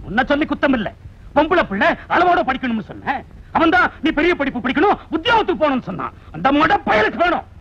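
An actor playing a domineering, hot-tempered village father who shouts and scolds in 1980s film dialogue. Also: very high-pitched, sing-song, quick pace, full character voice. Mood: scornful. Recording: dull lo-fi film soundtrack with music.

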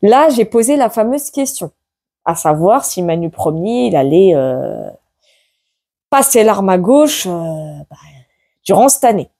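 A woman reading tarot cards aloud to her viewers in a casual chat, tagging her sentences with "hein" and bursting into loud exclamations. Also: medium pitch, measured pace, pauses often, dry recording, clean studio sound. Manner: excitable, exclaims loudly, many "hein" tags. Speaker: tarot card reader. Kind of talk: casual card-reading video.

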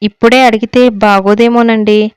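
A woman's voice: a little high, fairly even intonation, normal speed, smooth, no echo, close to an everyday voice. A woman playing a coy young bride. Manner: coy, gently coaxing. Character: shy, teasing young bride. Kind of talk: storybook reading.

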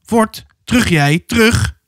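A man voicing a crude young male cattle driver who jeers and shouts in a storybook reading. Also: medium pitch, very animated, a little slow, no echo, studio quality. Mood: shouting. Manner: jeering, shouting coarsely.

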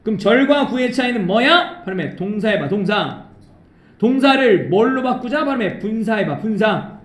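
A man's voice: high voice, expressive, moderate pace, roomy sound. A man teaching English grammar in a lecture, drilling students with repeat-after-me prompts and checking their understanding again and again. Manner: keeps checking understanding with tag questions.

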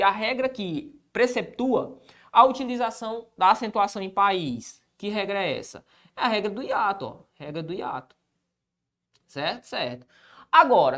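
A man's voice: sits high, a bit bright. A man teaching a grammar lesson for exam prep, asking and answering his own questions with constant check-ins. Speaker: Portuguese teacher.

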